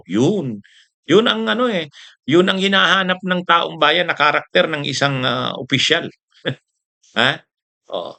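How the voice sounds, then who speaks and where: A man's voice: mid-range voice, gravelly, sharp tone. A Filipino man hosting casual political commentary, chatty, with laughing asides and rhetorical checks to his audience.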